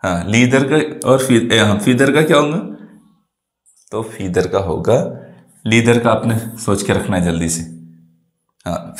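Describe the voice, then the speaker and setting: Male tutor, slow deliberate teaching delivery, echoey room sound. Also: on the low side. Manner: explains English words in Hindi, quizzing pupils. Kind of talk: exam-prep lesson.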